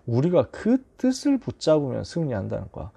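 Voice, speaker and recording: Guy teaching a youth bible class, husky mellow voice, acts out the lines, swoops up and down a lot. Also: medium pitch, brisk. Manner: lively storytelling, acts out quoted lines. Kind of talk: Bible lesson for high schoolers.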